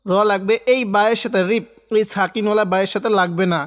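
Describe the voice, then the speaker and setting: The recording has a big-room sound as a high-pitched man with a steady tone teaches Quran reading. Patiently and step by step, he spells out syllables and draws them out slowly when reciting.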